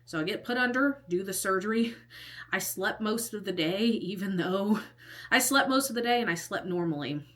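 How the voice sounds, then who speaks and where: This storytime vlogger is a woman in her thirties with a medium-pitched, slightly bright, animated voice at a moderate pace. She rambles chattily through a personal story, saying "like" constantly and slipping in the occasional whispered aside.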